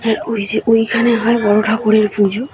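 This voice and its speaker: A woman's voice: on the high side, level tone, fairly quick, background noise. A woman chatting as she walks, giving a running commentary for her vlog outdoors. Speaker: lifestyle vlogger. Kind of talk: casual vlog narration. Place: outdoors on streets and at a temple in light rain.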